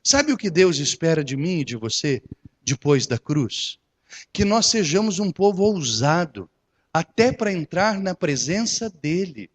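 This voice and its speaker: A man, a pastor preaching a lively sermon that swings from loud to hushed. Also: fairly high pitch, unhurried.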